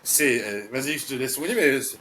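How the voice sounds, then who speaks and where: A man's voice: medium pitch, animated, a little fast, sharp tone. A man co-hosting a casual music podcast, blunt and mocking, often laughing. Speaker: podcast co-host. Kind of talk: casual music review chat.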